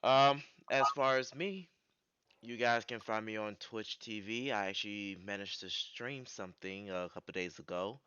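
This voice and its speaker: A man's voice: fairly low pitch, moderate pace, sharp tone, smooth, dry recording, muffled recording. A man casually introducing himself as a player and streamer on a tabletop show.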